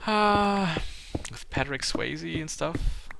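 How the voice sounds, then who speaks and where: His voice is fairly high and creaky against a noisy background. He's a German native speaker with a German accent hosting a gaming Let's Play, chatting haltingly and hesitantly, wandering off into self-conscious asides and laughing at himself.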